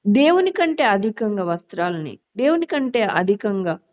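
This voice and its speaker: A woman's voice: mid-range voice, very animated, darkish tone. Woman preaching Bible lessons, lo-fi sound. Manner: reads scripture slowly, then asks the listeners questions. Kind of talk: Bible teaching sermon.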